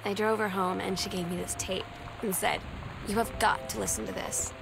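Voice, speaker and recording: An actress voicing a thoughtful teenage girl in a game, reading her journal softly and confidingly over music. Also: medium pitch, steady tone, normal speed, vocal fry, poor audio. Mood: wistful.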